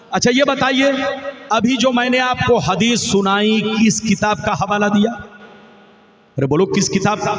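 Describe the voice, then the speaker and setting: A man's voice: high voice, fairly bright tone, muffled recording. A male preacher giving a fervent sermon to a mosque gathering, calling on the crowd to answer him aloud. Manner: fervent, calls on the crowd to respond. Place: mosque gathering, large hall. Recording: echoey hall recording with long reverb.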